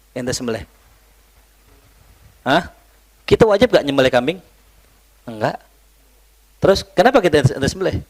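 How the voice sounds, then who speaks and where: A man teaching an Islamic study class, mixing Arabic recitation with joking, colloquial asides to his students. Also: a little high. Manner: lively, joking, colloquial Jakarta slang mixed with Arabic recitation. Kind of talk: religious study lecture.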